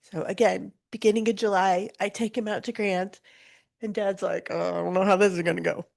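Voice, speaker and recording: A woman's voice: mid-range voice, steady tone, fairly quick, creaky, darkish tone. A tearful woman giving a memorial speech, telling a funny family story with acted-out quotes. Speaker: eulogy speaker, daughter of the deceased.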